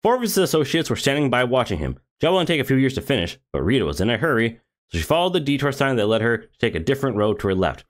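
A man's voice: medium pitch, very animated, fast talker. A man who streams games, reading a game story aloud with sarcastic asides.

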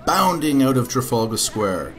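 A father reading a children's picture book aloud with expressive, animated storytelling. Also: medium pitch, normal speed.

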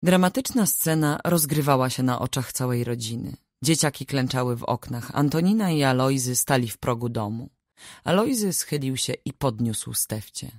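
A woman narrating a family saga audiobook in a measured, expressive reading on a close studio mic. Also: very deep voice, no echo. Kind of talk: scripted narration.

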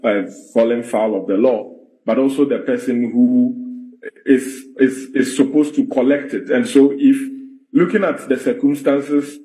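A man with a Ghanaian accent giving legal analysis in an interview, formal and measured, with hesitant phrasing. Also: mid-range voice, mellow. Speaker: legal commentator. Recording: roomy, echoing interview audio.

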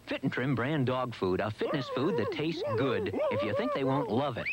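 A man with a mid-pitched, lively voice narrates a dog food commercial. He talks in a playful, conversational way, rising and falling. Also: moderate pace, crowd noise. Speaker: commercial voice-over. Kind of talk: friendly ad narration.

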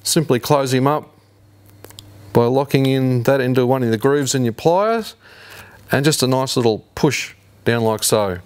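A man in his fifties with an Australian accent, hosting a fishing tutorial in a garage workshop and explaining each step in a relaxed, slangy way. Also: mid-range voice, measured pace, clear, resonant tone. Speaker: fishing channel host. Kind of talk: hands-on tutorial. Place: indoor garage workshop with shelves.

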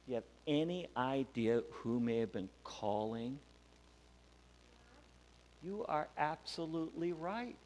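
A pastor telling a Bible story to children in a church, animated and acting out the voices. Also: male voice, mid-range voice, slow pace, long pauses. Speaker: pastor giving a children's message. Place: church sanctuary. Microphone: wireless mic. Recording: church hall reverb with faint hum.

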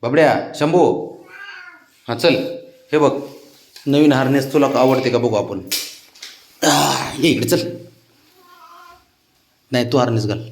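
A man's voice: medium pitch, takes it slowly, long pauses, a little hiss or hum. Man coaxing his cat, over and over. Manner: coaxing, repetitive calls to a cat. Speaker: cat owner filming his pet. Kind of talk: casual talk to a pet.

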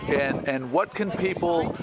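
A man's voice: a little high, unhurried, crowd noise. A man interviewing people outdoors, asking questions with frequent stumbles and restarts. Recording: outdoor noise and voices.

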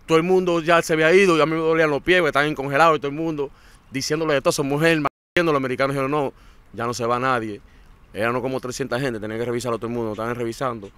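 A man with a Dominican accent, a guest telling his story in a casual interview. He talks in an animated way, repeats words and acts out what others said. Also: mid-range voice, rapid-fire, smooth, dry recording.

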